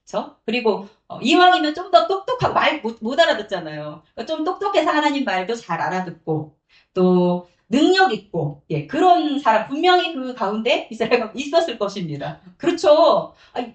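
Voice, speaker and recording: Brief: woman evangelist, lively pitch, fairly high voice, acts out quotes, echoey sanctuary. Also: fairly quick. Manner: animated, acts out quotes, laughs often. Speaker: evangelist preaching. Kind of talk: sermon with personal testimony. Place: church sanctuary. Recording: echoey church room.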